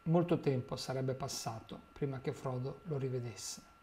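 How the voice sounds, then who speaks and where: A man narrating a novel chapter in a calm, measured reading. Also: mid-range voice, slight background noise. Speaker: illustrator and reader. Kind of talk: audiobook narration.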